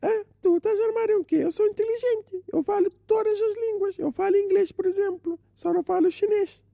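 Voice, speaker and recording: Brief: a vain, know-it-all middle-aged uncle, put on by a man, high and indignant, dark gravelly tone. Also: steady tone, fairly quick, no room sound, highs cut off. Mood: boastful. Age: 40s. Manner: squeaky, indignant bragging.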